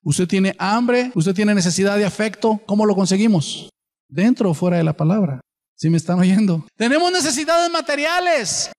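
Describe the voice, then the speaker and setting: A man's voice: high voice, lively intonation, normal speed, darkish tone, in a large hall. A man preaching a sermon as pastor, often asking his congregation questions and acting out the people in his stories.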